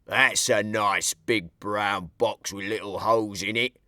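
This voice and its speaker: A man voicing a soft-hearted male burglar with rough slang, drawing out his words slowly. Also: fairly low pitch, fairly even intonation, no room sound, clean studio sound, voice pushed down. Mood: pleased. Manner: slow, drawn-out delivery.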